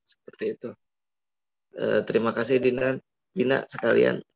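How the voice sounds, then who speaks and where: A man's voice: medium pitch, little pitch movement, normal speed, creaky. A young man giving a class presentation on grammar, hesitant, with many fillers and restarts. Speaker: student presenter. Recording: dull lo-fi audio.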